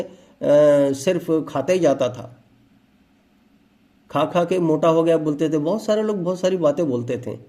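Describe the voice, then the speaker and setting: A man's voice: on the high side, warm tone. A man giving a motivational health talk, explaining with everyday examples and asides.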